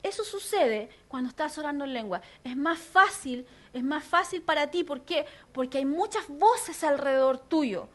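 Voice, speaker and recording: A middle-aged woman pastor with a Chilean Spanish accent, teaching a sermon in an animated, conversational way with jokes. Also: high-pitched, moderate pace, hardly any pauses.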